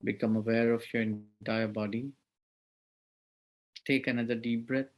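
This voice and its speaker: A man leading a guided meditation, giving soft, measured instructions with long pauses. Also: medium pitch, fairly even intonation, highs cut off.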